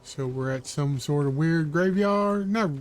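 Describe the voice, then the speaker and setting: A man's voice: a little high, a little slow. A man streaming a video game, chatting casually and making wry remarks as he explores. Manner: chatty, wry, thinks aloud. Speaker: gaming streamer. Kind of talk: casual let's-play commentary.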